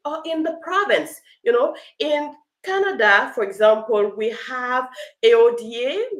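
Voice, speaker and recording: A woman's voice: fairly high pitch, fairly bright tone. A woman hosting a live stream, talking cheerfully, laughing often and reading viewer comments aloud. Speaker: live session host, accessibility expert.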